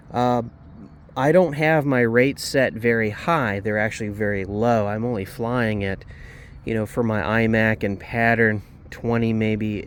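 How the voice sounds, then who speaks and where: Man with a sore jaw, noisy recording. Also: medium pitch. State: sore, slightly swollen jaw after surgery, talking a little oddly. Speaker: RC hobby channel host reviewing a model plane. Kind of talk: casual hands-on product review.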